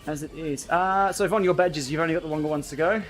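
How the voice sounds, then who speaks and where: Guy streaming a cycling game, kinda high voice, bantering and thinking out loud, faint music behind. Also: fast. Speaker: livestream host. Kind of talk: casual livestream chat while riding indoor cycling game.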